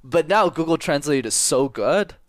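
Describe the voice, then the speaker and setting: A young man from Montreal, Canada, a public speaking coach, speaks at normal speed with an animated, high-leaning voice in a casual interview. He's energetic and direct and often repeats words for emphasis, captured in studio quality with no room sound.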